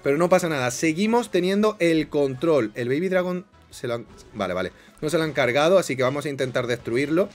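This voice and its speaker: Excitable young Spanish gaming commentator. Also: male voice, fairly high pitch, a little fast, soft background music. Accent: Spain Spanish. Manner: excitable, bursts into shouts, lots of diminutives. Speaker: gaming youtuber. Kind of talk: live gameplay commentary.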